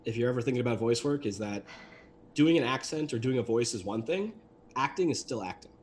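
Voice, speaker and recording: A man's voice: medium pitch, expressive, a little fast, a little mellow, slight background noise. A young man, a guest on a livestream, talking casually about his voice work, with lots of fillers and restarts. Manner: chatty, rambling with many fillers. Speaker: guest, voice actor and animator.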